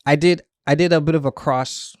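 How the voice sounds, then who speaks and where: Guesting on a podcast, this young stylist, who grew up between Trinidad and Florida, tells stories in a relaxed interview chat, laughing a lot and restarting now and then. His voice is on the high side at a normal speed, with clean, echo-free studio sound.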